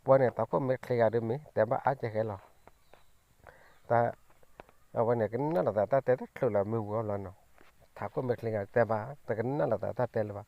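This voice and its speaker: A man's voice: medium pitch, very slow, creaky, pauses often. A man telling a story in a loose, rambling way, full of fillers, on a dull lo-fi recording. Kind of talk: casual storytelling.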